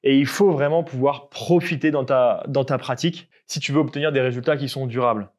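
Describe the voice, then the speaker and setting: A young man coaching fitness in a casual, explanatory way, with a voice of ordinary middle pitch. He lays out each point for the viewer and keeps checking that they follow. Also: fairly quick, darkish tone.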